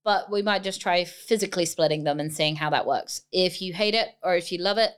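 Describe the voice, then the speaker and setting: A woman co-hosting a podcast, chatting casually with quick reactions. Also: lowish voice, clean tone. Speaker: podcast co-host. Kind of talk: casual chat.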